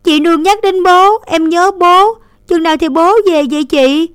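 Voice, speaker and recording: A woman voicing a small boy in a story who pleads in a high child's voice. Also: lively intonation, moderate pace, no echo, studio quality. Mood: tearful. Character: small tearful little boy.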